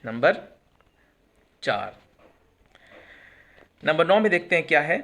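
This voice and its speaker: A man's voice: on the high side, big pitch swings, gravelly, fairly bright tone. A male teacher explains test questions, asking and answering his own questions and glossing terms in English. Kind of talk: exam prep lesson.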